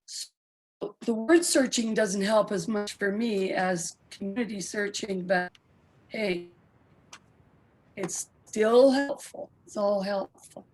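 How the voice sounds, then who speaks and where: A woman's voice: medium pitch, takes it slowly, darkish tone, rough recording. Woman speaker on a failing online call, voice breaking up; chatty, rambling delivery with restarts. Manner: rambling, conversational, restarts sentences. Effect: breaking-up online call audio, dropping quality. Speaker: genealogy speaker. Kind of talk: casual talk in an online session.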